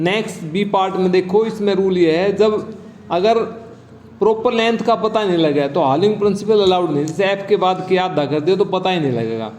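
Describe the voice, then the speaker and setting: High-voiced male shorthand teacher in an echoey room. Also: a little fast, darkish tone, muffled recording. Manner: explains each rule, then calls out example words one by one. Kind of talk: classroom dictation lesson. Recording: echoey room with faint background noise.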